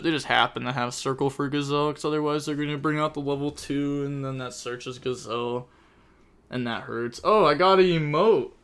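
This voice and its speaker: A man's voice: mid-range voice, a bit bright, clear, resonant tone. A young man casually commentating a card game tournament on a live stream, chatty and thinking aloud, repeating phrases and laughing often.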